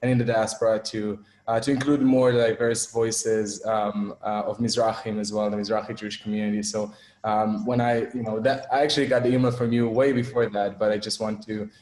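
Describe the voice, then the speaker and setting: A man's voice: fairly low pitch, flat delivery, fairly quick, darkish tone, echoey room. A young man from Israel giving an online talk as guest speaker, hesitant, with many fillers and restarts.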